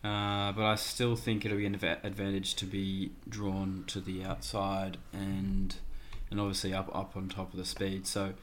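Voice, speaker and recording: Co-host, young Australian man, deep monotone, stuffy nasal cold, slight noise. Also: moderate pace, hardly any pauses. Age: young adult. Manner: flat, monotone delivery with many fillers. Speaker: podcast co-host, tipster. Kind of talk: casual podcast chat.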